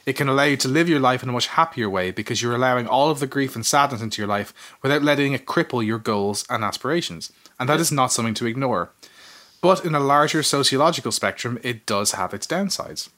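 A man's voice: mid-range voice, fast talker, fairly bright tone. A man co-hosting a casual chat, reading out his essay with earnest, self-mocking energy. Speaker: podcast co-host.

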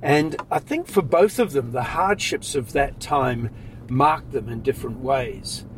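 A middle-aged man, born in Sri Lanka and raised in New Zealand, talks through his family story in a casual interview in a car. He speaks in a measured, reflective way, and his sentences often trail off softly. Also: mid-range voice, animated, rough recording. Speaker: interview guest. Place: inside a car. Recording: faint road noise.

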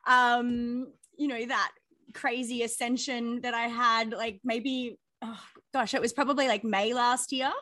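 Female co-host, high voice, dry close sound, bubbly and gushing with lots of fillers. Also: level tone, a little slow, bright, forceful tone, no room sound. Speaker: podcast co-host. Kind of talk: casual chat.

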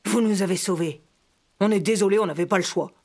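A man's voice: high voice, fairly quick, pitched above the performer's own voice. A man voicing a thin, worn-out male guard chief in a told story, brusque and distrustful. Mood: contrite. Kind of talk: storybook voice acting.

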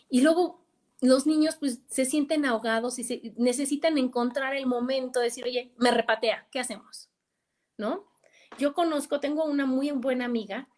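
Middle-aged Mexican woman host, high-pitched, lively anecdotal delivery. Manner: chatty storytelling, acting out quoted voices. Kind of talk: casual advice talk to listeners.

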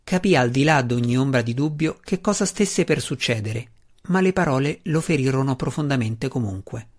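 Brief: man, audiobook narration, steady and expressive, mid-range pitch. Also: moderate pace. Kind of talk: scripted narration.

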